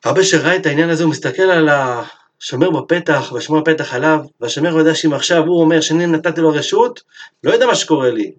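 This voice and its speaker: A man teaching a Torah lesson, telling a story in a lively sermon style and acting out its characters. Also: on the high side.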